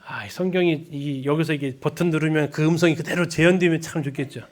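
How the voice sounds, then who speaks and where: A man's voice: on the high side, fairly even intonation, brisk. A man leading a Bible study lesson in a church, reading scripture aloud and putting questions to the congregation. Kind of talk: sermon-style Bible lesson.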